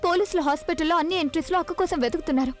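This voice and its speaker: An urgent, rapid young woman. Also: extremely high pitch, faint music behind. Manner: urgent, insistent. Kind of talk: dubbed TV serial drama.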